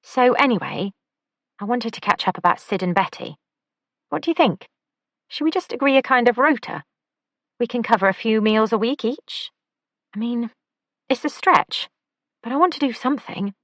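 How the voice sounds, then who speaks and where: A woman's voice: a little high, lively intonation, normal speed, pauses often, fairly bright tone, no room sound, pitched above the performer's own voice. A woman voicing a careful young female pastry chef with dry humour in an audiobook.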